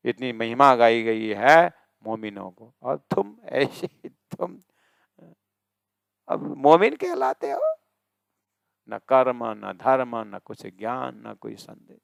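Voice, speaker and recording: A male religious teacher giving a scripture discourse, chanting verses slowly and explaining them with emphatic, rising questions. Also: mid-range voice, gravelly, no echo, clean studio sound.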